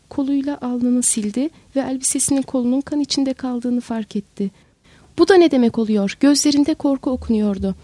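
A woman with a high voice reads a story aloud in a steady, even narration. The recording is dry and close, with no room sound. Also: dry recording. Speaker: audiobook narrator. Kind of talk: scripted narration.

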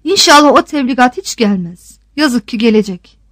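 A woman's voice: a little high, animated, normal speed, no room sound. A woman reading a kindly, regretful male official. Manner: gentle, apologetic delivery.

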